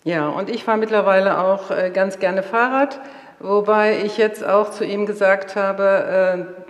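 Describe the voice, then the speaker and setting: A woman's voice: mid-range voice, measured pace. A middle-aged woman telling stories from her marriage and family to an audience, acting out the quoted dialogue. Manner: lively storyteller, acts out quoted dialogue. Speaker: speaker sharing marriage stories. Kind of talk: storytelling talk to an audience. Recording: roomy hall with long reverb.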